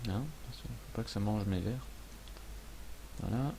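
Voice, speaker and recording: A man hosting a casual software tutorial, thinking aloud as he works, with frequent hesitations and friendly, self-mocking asides. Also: on the low side, measured pace, slight background noise. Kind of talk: casual screen-recorded tutorial.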